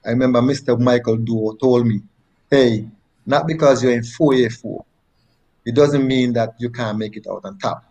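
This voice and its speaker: Speaking at a moderate pace in a dark-toned, mid-range voice, this interview guest recalls personal stories with a Nevisian Caribbean accent. He is a former track athlete from Nevis, Saint Kitts and Nevis, and he leans on repeated phrases for emphasis in his conversational telling.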